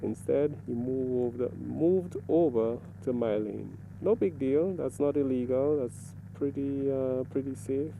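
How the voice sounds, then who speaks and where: A man giving a casual, step-by-step video commentary, explaining things deliberately and pausing mid-sentence. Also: medium pitch, vocal fry, warm tone, slight background noise, poor audio. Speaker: motovlogger reviewing own ride footage.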